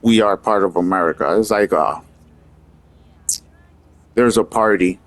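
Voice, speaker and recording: Low-voiced and unhurried, a Puerto Rican man vlogs an earnest, opinionated monologue. He talks casually and rambles, slipping into loose asides.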